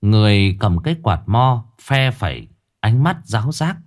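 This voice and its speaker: A man narrating a dramatic horror story with an expressive, swooping delivery. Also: lowish voice, moderate pace.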